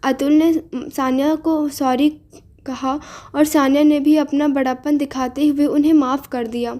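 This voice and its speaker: A woman narrating a story in a steady, expressive reading voice. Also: high-pitched, a little slow.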